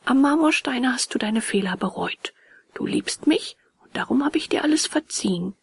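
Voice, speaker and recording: A woman as a gentle wise fairy. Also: fairly high pitch, lively intonation, vocal fry, breathy edge, no room sound, exaggerated voice. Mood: tender. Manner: slow, soft, often whispered.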